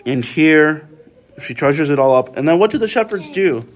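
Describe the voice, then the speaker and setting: A man's voice: on the high side, expressive, moderate pace. Man leading a casual Bible study. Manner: conversational, frequent "like" and "right?" tag questions.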